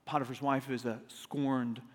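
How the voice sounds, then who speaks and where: A man's voice: mid-range voice, flat delivery, a little slow. A man preaching a sermon into a pulpit microphone in a church sanctuary, asking rhetorical questions and often restarting his words. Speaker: pastor. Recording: long hall reverb.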